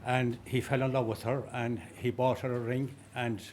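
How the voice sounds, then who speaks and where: A man's voice: medium pitch, level tone, normal speed, a little mellow, a little hiss or hum. Lilting Connemara Irish storyteller, a man. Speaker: traditional sean-nós singer. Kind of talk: informal oral storytelling before a song.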